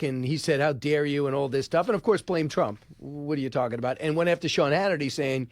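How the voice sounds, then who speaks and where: A middle-aged man hosting political talk radio, commenting in an animated, indignant way. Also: a little high, no echo. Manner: animated, indignant, quick asides. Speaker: radio host. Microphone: studio microphone.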